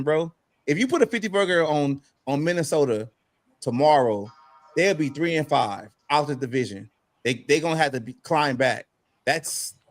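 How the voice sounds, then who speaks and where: A man's voice: on the high side, fairly bright tone. A man on a sports panel bantering casually in cocky, slangy talk.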